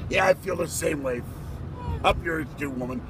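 A vlog host films a casual vlog inside a car stuck in traffic on a jammed bridge, rambling, joking, and laughing often. His voice is fairly high and creaky, at normal speed. It's recorded on a phone camera held in the car, with loud traffic road noise.

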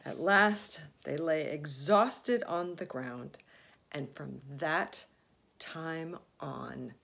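A woman storyteller reading a picture book aloud in a slow, expressive manner. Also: sits low, creaky, husky.

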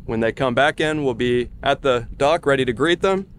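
A man walks through his business's service in a clear, orderly way. His voice sits at a middle pitch for a man, with faint background noise. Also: normal speed. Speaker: boat club staff. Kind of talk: explaining a service to camera.

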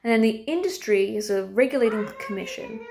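A woman teacher giving an informal recorded lesson from home. She talks in a loose conversational way, asking her students questions and often pausing on um and uh. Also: a little high, sing-song, gravelly, a little mellow, slight background noise.

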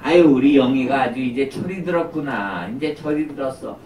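A woman voicing a caring mother puppet who talks fondly and gently scolds in a children's puppet show. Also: very deep voice, fairly quick, a little hiss or hum, pitched below the performer's own voice. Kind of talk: live puppet show for preschoolers. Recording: roomy, distant live room recording.

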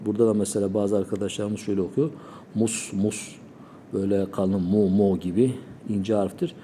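A man teaching Quran recitation, calmly explaining pronunciation and demonstrating sounds slowly. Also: fairly low pitch, slight background noise.

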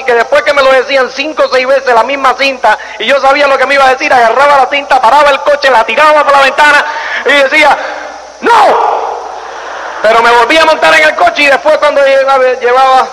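A man with a high, bright voice gives a motivational seminar. He acts out little scenes and keeps asking his listeners questions. His voice carries a long hall reverb over faint background noise. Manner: animated storyteller, acts out scenes and asks the audience rhetorical questions. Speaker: motivational speaker. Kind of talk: live seminar talk to an audience.

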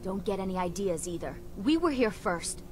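A woman's voice: medium pitch, expressive, normal speed, lightly acted. A woman playing an impatient, greedy young treasure hunter in a video game, scornful and pushy. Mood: brash, eager. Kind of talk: video game character dialogue. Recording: loud game noise behind the voice.

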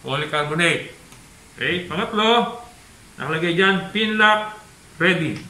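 A man talking through a cloth mask, reviewing a helmet in a casual vlog with many halting filler pauses. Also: on the high side, lively intonation, pushed and bright. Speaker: vlogger. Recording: echoey room with faint ambience.

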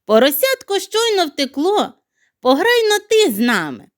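A woman's voice: sing-song, unhurried, fairly bright tone, exaggerated voice. A woman voicing a playful, teasing little girl snowflake in a children's audio tale. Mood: calling gaily. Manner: high, bubbly, teasing calls.

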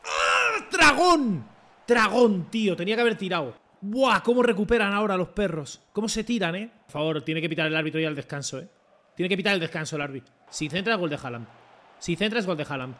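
A young man from Spain, commentating his own football game run with excited swearing and rants. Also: high-pitched, fast. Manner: excitable, swears a lot, talks to the referee and coach. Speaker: gaming streamer. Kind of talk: live gameplay commentary.

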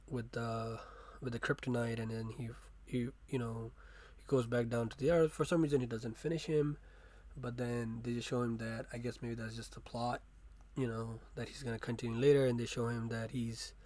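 A man's voice: mid-range voice, a little mellow. A man giving a casual spoken review, rambling with many fillers and restarts.

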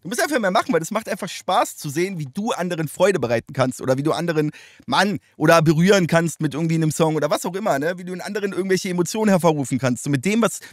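A man's voice: fairly high pitch, rapid-fire, dry recording, clean studio sound. Laughing, slangy man reacting. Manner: animated, laughs a lot, slangy. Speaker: host. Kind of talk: casual reaction chat.

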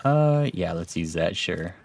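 Brief: low-voiced let's-play host, casual and chatty. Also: male voice, expressive, a little slow, creaky, a little mellow. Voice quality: laid-back, chatty, thinking aloud. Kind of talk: casual gameplay commentary.

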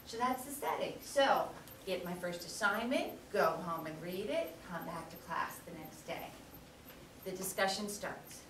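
A middle-aged woman giving a storytelling lecture as guest speaker, animated and often checking in with the audience by asking "okay?". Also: on the low side, unhurried. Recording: echoey hall, distant mic, background noise.

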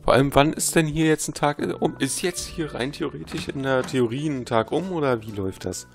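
Excitable man commenting on gameplay. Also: mid-range voice, fairly quick, faint music behind. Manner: exasperated, excitable outbursts; reads game text aloud. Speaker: let's player.

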